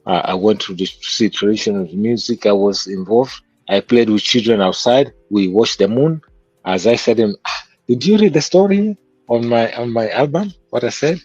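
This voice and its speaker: A Kenyan-accented guest musician reflectively tells stories from his childhood in an interview conversation. His medium-pitched voice has a darkish tone and breathy edge at normal speed, recorded dull with no echo.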